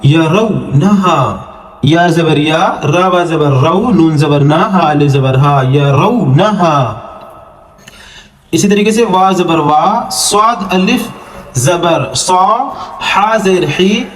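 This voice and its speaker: Male Quran reading teacher, echoey room. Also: fairly bright tone. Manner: spells out letters and vowels, then slowly drawn-out syllables; quick, low asides explaining rules between the slow readings. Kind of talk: online Quran reading lesson.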